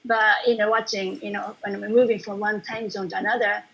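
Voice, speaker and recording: A woman from Japan talks through her painting life in a relaxed, chatty way, scattering fillers and small laughs. Her voice is husky with a gravelly edge, and the video-call audio sounds a little dull. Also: medium pitch, fairly quick. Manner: warm, chatty, frequent fillers and soft laughs. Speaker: watercolour painter presenting her work. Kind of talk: casual online presentation.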